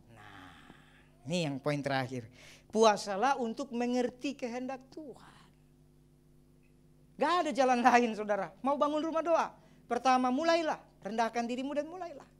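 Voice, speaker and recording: A middle-aged man, a pastor, preaching a sermon and telling his own story in a lively way with exclamations and chuckles. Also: very high voice. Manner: addresses the congregation as brothers and sisters. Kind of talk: sermon with personal testimony.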